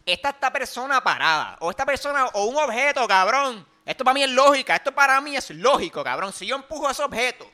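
A young man with a Puerto Rican accent talks in a casual chat, his voice sitting very high and sounding sharp and bright. He rambles and argues heatedly, peppering everything with curse words. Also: very animated, fast talker, hardly any pauses. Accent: Puerto Rican Spanish. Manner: heated, rambling, constant swearing.

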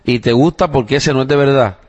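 A Puerto Rican man with a Puerto Rican accent hosts a casual family podcast in a relaxed, chatty way, full of fillers. His voice sits at an average pitch for a man. The recording sounds slightly dull and lo-fi. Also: a little fast, faint music behind. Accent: Puerto Rican Spanish. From Puerto Rico. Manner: relaxed, chatty, many fillers, switches into English phrases. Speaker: podcast host and father.

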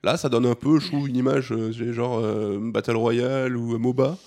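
A man co-hosting a casual gaming podcast, talking in a quick, relaxed, conversational way. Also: medium pitch. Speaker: podcast co-host.

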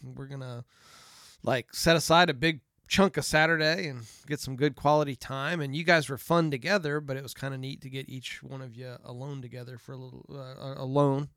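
A man's voice: medium pitch, a little fast, no room sound, clean studio sound. A middle-aged man, a father chatting casually with his daughter, telling stories and teasing her. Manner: joking, teasing, relaxed storytelling. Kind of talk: casual family chat.

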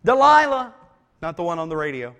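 A man preaching a sermon as a traveling preacher, with dramatic swings from shouting to hushed asides and folksy humor. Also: fairly high pitch, big pitch swings, brisk. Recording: long hall reverb.

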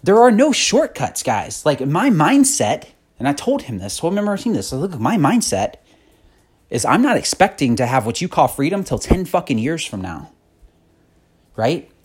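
A man's voice: a little high, big pitch swings, normal speed, slightly rough. A man in his thirties hosting a podcast, giving a blunt, profane motivational monologue that grows more fired-up. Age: 30s. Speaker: podcast host.

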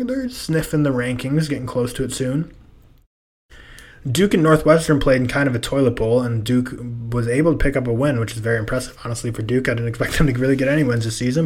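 A young man hosting a casual sports podcast, hoarse and losing his voice, rambling and loose in his talk. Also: medium pitch, a little mellow. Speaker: podcast host.

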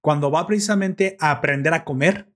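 A man with a voice a little higher than usual holds forth in a casual chat. He is animated and opinionated, and he rambles from one point to the next. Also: brisk.

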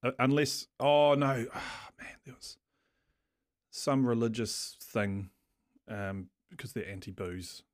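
A man's voice: mid-range voice, steady tone, slow, dry recording, studio quality. A man with a New Zealand accent chatting casually as a podcast guest, in a laid-back, blokey, sweary way. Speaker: craft brewer, podcast guest.

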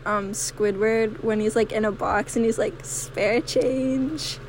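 A teenage woman hosting a podcast in casual chat, laid-back, with quick giggles and short replies. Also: mid-range voice, little pitch movement, noisy background. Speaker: podcast host.

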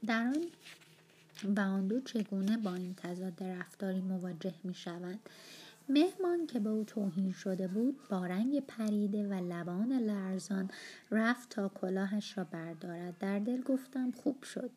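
A woman narrating an audiobook of a novel in a calm, steady storytelling manner. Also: medium pitch, breathy edge.

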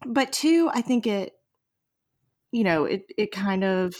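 Speaking slowly in an animated, mid-range voice with a darkish tone, this female podcast co-host and interviewer keeps the discussion casual. She's enthusiastic and informal, dropping "like" all the time.

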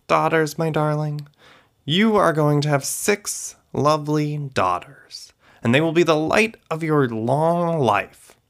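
A man reading a storybook, voicing an older woman fortune-teller who speaks gently and matter-of-factly. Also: on the high side, slow pace, gravelly, pitched above the performer's own voice, heavily acted. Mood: knowing, solemn. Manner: gentle, matter-of-fact, grandly solemn.

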